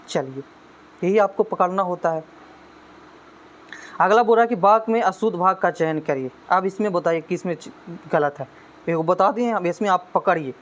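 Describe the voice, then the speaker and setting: A man teaching an exam-prep lesson, constantly checking in with "है ना" and urging students to study hard. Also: high voice. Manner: constant "है ना" tag questions, coaxing students.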